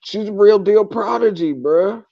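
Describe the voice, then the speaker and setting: A man with a somewhat high voice chats casually about wrestling as a podcast co-host. He is blunt and slangy. The recording sounds dull and lo-fi. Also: unhurried, vocal fry, no room sound. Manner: slangy, blunt, says "bruh" often.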